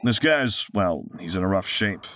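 A man reading aloud, voicing a tired but steady bandaged youth. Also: low-pitched, unhurried, slight background noise, full character voice.

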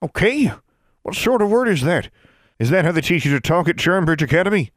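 A man voicing an old witch great-grandmother, sharp-tongued but fond, with rural folksy speech, in a storybook reading. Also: on the high side, sing-song, a little fast, dry recording, clean studio sound, pitched above the performer's own voice. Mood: chiding.

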